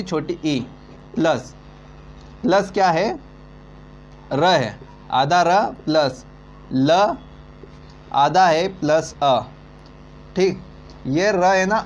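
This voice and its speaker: A man teaching an online lesson, talking slowly and answering his own questions as he goes. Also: high voice. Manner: slow, repeating, asks then answers himself. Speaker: Hindi teacher. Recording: dull lo-fi with mains hum.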